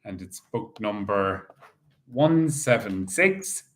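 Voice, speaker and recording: A man with an Irish accent hosting as a bingo caller, announcing in a measured, formulaic way. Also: fairly low pitch, expressive, a bit bright. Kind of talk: bingo calling, numbers digit by digit.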